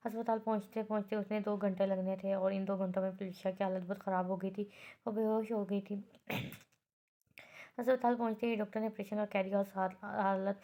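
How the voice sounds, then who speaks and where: A woman reading a novel aloud in a steady, unhurried storytelling manner. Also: medium pitch. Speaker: novel reader. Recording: dull lo-fi audio.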